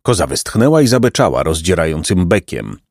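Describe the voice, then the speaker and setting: A man narrating a children's storybook in an expressive, dramatic way. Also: deep voice, brisk, vocal fry, dry recording, clean studio sound. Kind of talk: storybook reading.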